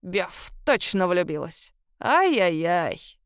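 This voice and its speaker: A cantankerous old great-grandmother, as the woman reading puts her on, with a gruff, goblin-like croak in an audiobook. She drags her words out slowly and scolds in a mid-height voice. The sound is close and dry. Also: mid-range voice, very animated, no echo. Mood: teasing. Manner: scolding, cackling, drawn-out words.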